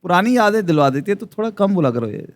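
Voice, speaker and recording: A man's voice: sits high, very animated, quick pace. A man hosting a comedy show with playful scripted banter. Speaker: show host. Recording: studio with music and audience.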